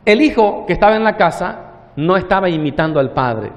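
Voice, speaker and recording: A man preaching a sermon as pastor, slowing down on key words and acting out the characters' lines in a story. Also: sits high, expressive, long reverb tail, lo-fi sound. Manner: preaching with long slow pauses, acting out the parable's dialogue.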